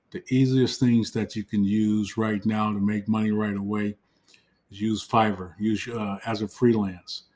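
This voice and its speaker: A man's voice: on the low side, darkish tone. A man who is losing his voice, giving a casual online tutorial as a credit coach, talking loosely and straight to viewers with many fillers.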